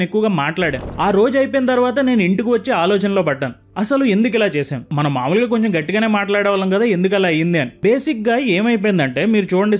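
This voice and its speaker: A young man narrating a book summary in an earnest, reflective way, asking calm rhetorical questions. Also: high voice. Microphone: close microphone.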